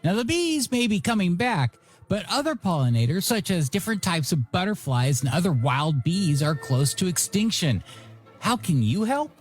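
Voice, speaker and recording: Announcing songs and reading lighthearted news stories, a male radio DJ and host plays up a showy delivery with drawn-out phrase endings and wry, playful asides. His voice is high-pitched with big swings, heard in a broadcast with music underneath.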